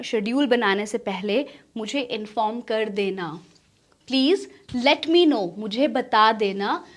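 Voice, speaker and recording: A young woman teaching spoken English as the regular host of an online lesson, saying example sentences slowly and clearly between her explanations. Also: on the high side.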